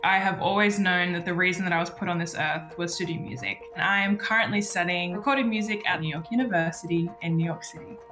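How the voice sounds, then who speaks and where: A woman's voice: fairly low pitch, fairly even intonation, fast, few pauses, a bit bright. A woman, a music student, speaking proudly and heartfelt in a video testimonial. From Sydney, Australia. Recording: echoey room.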